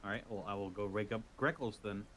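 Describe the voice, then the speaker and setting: A man's voice: on the low side, fast, a bit bright. A man chatting casually as a tabletop role-player, wry and sometimes hesitant. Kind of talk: casual game chat. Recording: background noise, room ambience.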